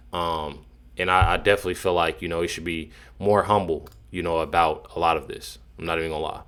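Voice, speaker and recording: A man with a deep, fairly bright voice reacts to news clips with casual, unscripted commentary. He rambles and repeats himself, leaning heavily on filler phrases, especially "you know."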